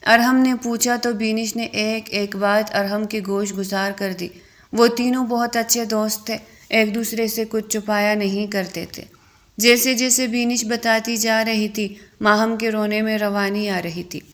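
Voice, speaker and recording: A woman reading a romance novel aloud as narrator, in steady storytelling narration. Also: medium pitch. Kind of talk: scripted narration.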